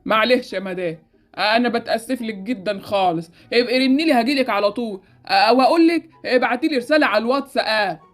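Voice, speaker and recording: A woman's voice: on the high side, fast talker, soft background music, lightly acted. A woman voicing a cheeky, easygoing male doorman with an Egyptian Arabic accent in a game drama. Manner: teasing, joking, unbothered.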